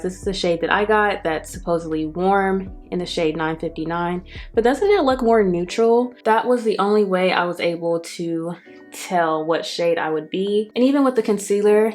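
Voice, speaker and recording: Soft music plays behind a woman with a slightly low voice. She chats casually and directly to her viewers as a beauty vlogger giving a makeup review. Her speech is slightly affected by the retainer she is wearing. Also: normal speed. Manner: chatty, addresses viewers directly. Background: background music.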